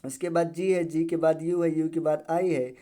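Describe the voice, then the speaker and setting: Man, pronunciation teacher, video lesson, repeats words, asks quick questions, mellow dark voice. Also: a little high, flat delivery. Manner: drills each word over and over. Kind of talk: classroom-style video lesson.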